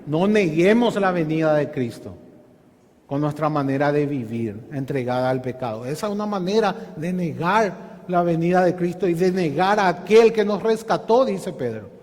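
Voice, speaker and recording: A man's voice: on the high side, normal speed, a little mellow, long reverb tail. A man pastor giving an earnest Bible study sermon, asking his listeners questions and calling them brothers. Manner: earnest preaching with rhetorical questions, repeatedly addressing "hermanos". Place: church hall.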